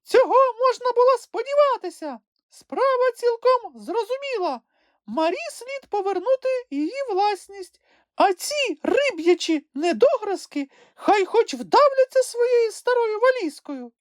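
Woman voicing Sniff, a shrill excitable creature. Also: dry recording, studio quality, full character voice. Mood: gloating. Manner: emotional, sulky, quick to tears. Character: small excitable whiny male creature.

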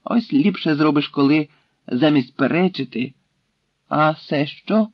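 A man's voice: fairly high pitch, expressive, a little slow, no echo. A man voicing a stern Cossack leader who questions and threatens a captive in a commanding way, in a dry, slightly dull recording.

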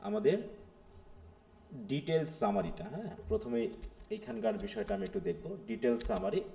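A male teacher leads a live literature class, mixing Bengali and English. His voice is gravelly and dark. His pitch moves a lot as he explains and keeps checking with his students.

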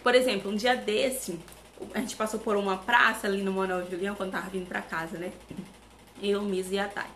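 A young Brazilian woman chatting to camera as a vlogger, animated and talkative, with many asides to her viewers, at home with a fan running. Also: medium pitch, a little fast, roomy sound, a little hiss or hum. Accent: Brazilian Portuguese. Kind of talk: casual chat to camera.

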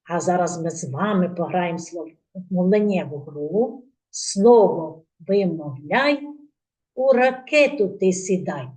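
A woman kindergarten teacher leading a speech lesson for preschool children, articulating each word clearly and prompting the group to repeat after her. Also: fairly low pitch, lively intonation, normal speed, darkish tone.

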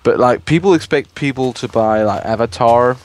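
A man's voice: mid-range voice, moderate pace, no echo. Rambling young man gaming. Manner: rambling, swears when startled. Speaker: let's play host. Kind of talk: casual gaming chat.

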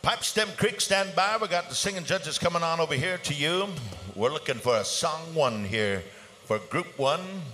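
Male powwow emcee, bright punchy voice, casual banter and rallying calls, noisy indoor arena. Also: fairly high pitch, expressive, moderate pace. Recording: clear arena ambience noise around PA voice.

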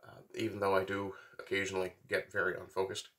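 A middle-aged man, sick with a blocked, congested nose, rambling haltingly in a casual monologue to camera in a small wooden workshop. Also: deep voice, monotone, fairly bright tone. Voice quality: stuffy, congested nasal sound. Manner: rambling, halting, with long pauses. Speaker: vlogger.

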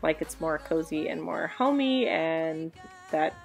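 Low-pitched and unhurried with vocal fry, this thirty-something cleaning vlogger narrates her home cleaning video with lively intonation. Her voice-over is casual and confiding, broken by the occasional laugh, recorded in a bedroom with soft music behind her.

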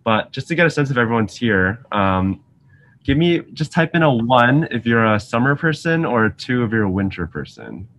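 A young Singaporean man, a graduate student, teaches a casual online science lesson over a video call webcam from an indoor lab office lined with shelves. His mid-range voice has a sing-song lilt, a normal speed and a fairly bright tone, with slight background noise. He's friendly and chatty, says "um" often and keeps asking his students questions.

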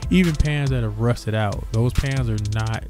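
A man hosting a casual cooking tutorial, talking through the steps in a relaxed way with lots of fillers and restarts. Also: mid-range voice, normal speed. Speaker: cooking channel host. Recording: voice-over with music bed. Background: background music.

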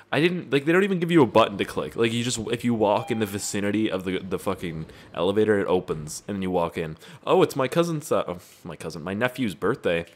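Man, very low voice, casual gameplay commentary, rambling, profane, chatty with viewers. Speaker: gaming YouTuber.

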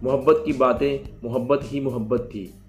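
A man's voice: mid-range voice, moderate pace, soft background music. A man reading a moral story aloud in a scripted narration. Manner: steady, even reading.

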